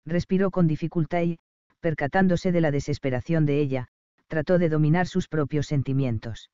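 A man reading a novel aloud as an audiobook narrator, in an even, measured way. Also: fairly high pitch, clean tone, no echo, dull audio.

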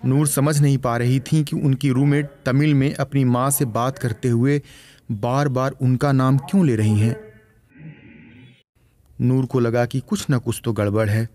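A man narrating a news documentary in a measured, formal storytelling voice. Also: medium pitch, fairly even intonation, mellow. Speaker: reporter narrating.

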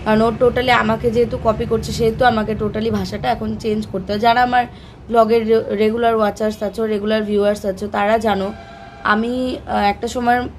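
A woman's voice: a little high, darkish tone, a little hiss or hum. Chatty young woman vlogger. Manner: rambling, many fillers and restarts. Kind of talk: casual chat to camera.

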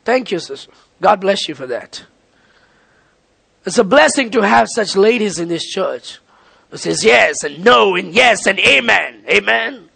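A man preaching an impassioned sermon, often shouting. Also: high-pitched, expressive, measured pace, vocal fry, slightly rough.

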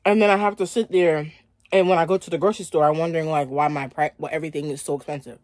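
In a small bedroom, a woman in her thirties vlogs a casual mukbang, chewing and eating as she chats to viewers and drops "like" constantly. Her voice sits low and a little mellow, with fairly even intonation and a quick pace. The studio-quality recording has no room sound.

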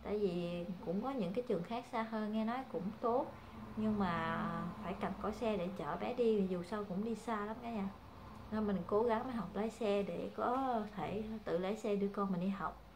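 A woman's voice: medium pitch, moderate pace, darkish tone, slight background noise. A young woman, chatting casually to her viewers as a mother, hesitant and full of fillers. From Vietnam. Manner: hesitant, many fillers, calls viewers family. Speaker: vlogger, mother.

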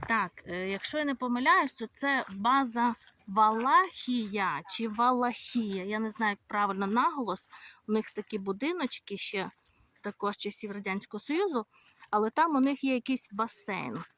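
This casual walking-tour vlog features a woman from Ukraine chatting with fillers as she films resort streets on a handheld phone. Her slightly high voice is expressive, pushed and bright at a normal speed, with no echo.

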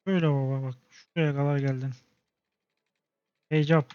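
A man's voice: mid-range voice, steady tone, normal speed, clear, resonant tone, dry recording, highs cut off. A young man giving casual commentary on a city-building game, getting worked up and grumbling in slangy outbursts. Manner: exasperated, talks to himself and the game with slangy outbursts. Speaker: gaming channel host.

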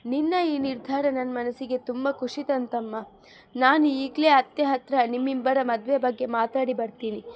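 Woman reading a gentle motherly elder. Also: high voice, fairly even intonation, moderate pace, slight background noise, close to an everyday voice. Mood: pleased. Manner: coaxing, motherly. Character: kind elderly mother arranging marriage, gentle. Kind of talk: audiobook character reading.

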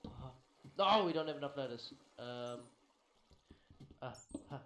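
A man casually chatting while playing a game with a friend, mostly flat and dry with sudden startled yelps. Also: mid-range voice, measured pace. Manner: dry, self-described monotone, with sudden yelps. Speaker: gamer. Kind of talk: casual gameplay chat. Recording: roomy home recording, faint hiss.

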